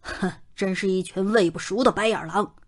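A woman's voice: medium pitch, normal speed, close to an everyday voice. A woman voicing a stern young male Qing prince who scolds coldly and scornfully in an audiobook. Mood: furious scolding. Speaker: audiobook narrator.

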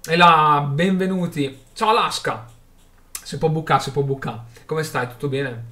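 Man reading a novel aloud. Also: fairly high pitch. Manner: expressive storyteller pacing with dramatic pauses. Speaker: streamer reading a fantasy novel. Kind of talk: live reading of a novel with chat greetings.

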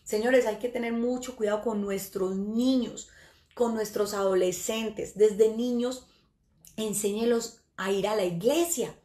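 A woman's voice: fairly high pitch, steady tone, measured pace, warm tone. Earnest woman in an echoey room. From Colombia. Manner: earnest, emphatic storytelling with direct address. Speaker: spiritual healer. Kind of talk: testimony-style spiritual talk.

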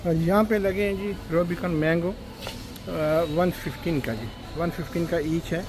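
A man's voice: a little high, normal speed. A man, casually vlogging as he walks supermarket aisles and lists prices, peppering his talk with polite words. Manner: chatty, lists prices, says "ji" and "janab". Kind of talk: casual shopping vlog walkthrough. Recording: noisy shop background.

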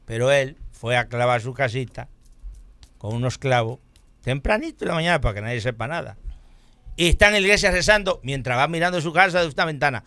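A man's voice: medium pitch, fairly quick. A man telling a comic joke and acting out its characters. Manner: animated, acts out the characters in his jokes. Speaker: comedian telling jokes.

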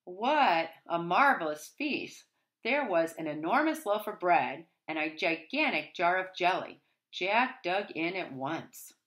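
Reading a picture book to little ones, a middle-aged woman uses a lowish, fairly bright voice that stays animated at a measured pace. She leans into dramatic emphasis, indoors in a small wood-panelled room at home.

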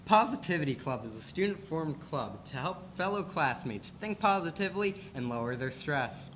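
A man's voice: fairly high pitch, lively intonation, moderate pace, a bit bright, slight background noise. A teenage boy anchoring scripted school announcements, with a playful, joking delivery. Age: teens.

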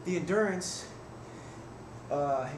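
Slow and fairly high-pitched, a young male vlogger in his twenties narrates his home workout bluntly and casually, with the odd swear word and plenty of grunting on each rep. A webcam at desk distance captures it in a small, echoey room, and the audio is noisy.

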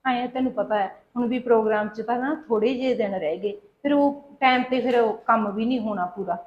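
A woman's voice: fairly high pitch, fairly quick, muffled recording, close to an everyday voice. A woman playing a polite, pleading young daughter-in-law. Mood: calm. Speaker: daughter-in-law in a family short film. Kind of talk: amateur family drama acting.

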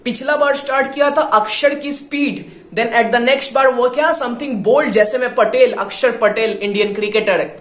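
A man's voice: extremely high pitch, fairly even intonation, normal speed, hardly any pauses, a bit bright, reverberant. Hyped man reacting to a rap track. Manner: enthusiastic, mixes Hindi and English slang. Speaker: music reaction video host. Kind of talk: casual reaction commentary.

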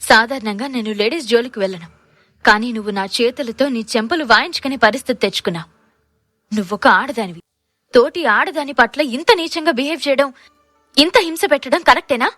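A fierce, proud young husband, played by a woman narrator in an audio drama. He snaps loud challenges and scoldings. The sound is dry, with faint music in the back. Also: fairly high pitch, fairly quick, dry recording. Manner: challenging, snapping.

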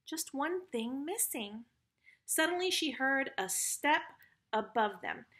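Gentle woman reading to children. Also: high-pitched, lively intonation, slow. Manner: warm, gentle, affectionate. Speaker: storyteller.

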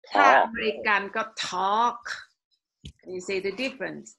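A woman from Thailand teaching an English lesson, explaining slowly and leading the class in repeating phrases, with many polite particles. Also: mid-range voice, vocal fry, sharp tone, a little hiss or hum, poor audio. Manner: slow, drawn-out explaining with frequent polite sentence particles. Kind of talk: classroom language lesson with choral repetition.

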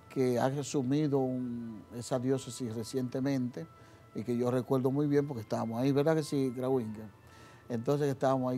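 Mellow-voiced priest host. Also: male voice, medium pitch. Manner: affectionate, uses fond forms of address. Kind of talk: warm presenter chat. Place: TV studio set.

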